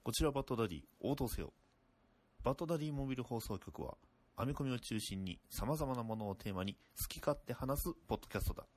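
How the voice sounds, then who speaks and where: A radio operator's call comes through distant and thin, as a man puts it on. The voice is husky and fast, with clipped phrases that end in a sign-off. It sounds like a radio transmission played in a podcast promo. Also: mid-range voice, animated, a little mellow. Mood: commanding.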